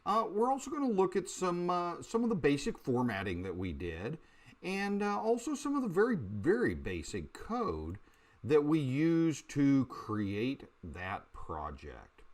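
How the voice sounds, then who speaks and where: Male programming teacher, halting delivery full of fillers, lively up-and-down pitch. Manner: halting, many uh and um fillers, restarts. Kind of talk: screen-recorded coding lesson.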